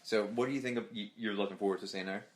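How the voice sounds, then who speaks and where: A man co-hosting a casual podcast, talking excitedly, swearing freely and acting out quotes. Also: lowish voice, racing. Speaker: podcast co-host.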